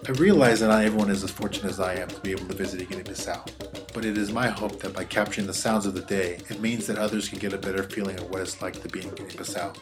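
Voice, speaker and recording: A man's voice: low-pitched, fairly even intonation, fast talker. A man giving sincere, reflective scripted narration for an audio report. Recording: music playing clearly behind.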